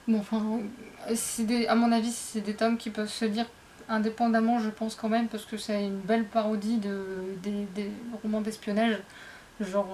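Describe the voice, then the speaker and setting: A woman's voice: medium pitch, a little hiss or hum. A young woman casually showing off a book haul to her camera at home, rambling and often correcting herself. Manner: rambling, self-interrupting, chatty. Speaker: book vlogger. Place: indoors at home, dim light. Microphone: camera facing her.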